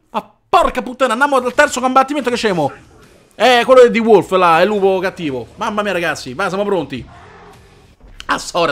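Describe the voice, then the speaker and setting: High, bright excitable gamer man. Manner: excitable, swears, makes fighting sound effects. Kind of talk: gameplay commentary.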